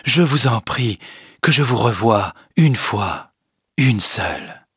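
A man's voice: medium pitch, expressive, takes it slowly, fairly bright tone, slightly rough, dry recording, clean studio sound, full character voice. A man reading an audiobook, voicing an ardent, insistent young man in love who pleads and presses. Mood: urgent.

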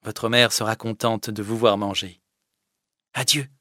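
A man's voice: lowish voice, fairly even intonation, a little slow, no room sound, clean studio sound. A man reading an audiobook, voicing a stern, commanding young village girl who scolds firmly. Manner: firm, scolding, then gentle. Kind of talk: audiobook character voice.

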